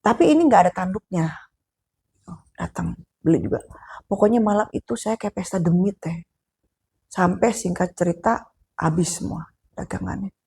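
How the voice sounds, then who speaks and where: A woman's voice: medium pitch, lively intonation, normal speed, creaky, pauses often, mellow, breathy edge. A woman with a Sundanese accent casually telling a horror story, chatty and addressing the listener directly as she goes.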